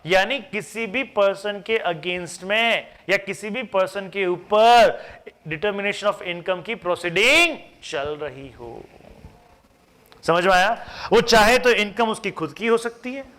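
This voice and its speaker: A man teaching a tax class, lively and chatty, mixing Hindi with English terms and answering his own rhetorical questions. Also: high-pitched, slow. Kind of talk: classroom lecture.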